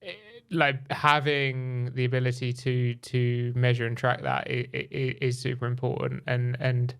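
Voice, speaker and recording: Smooth, even-toned male interviewer. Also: mid-range voice, a little slow. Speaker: podcast host. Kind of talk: casual interview talk.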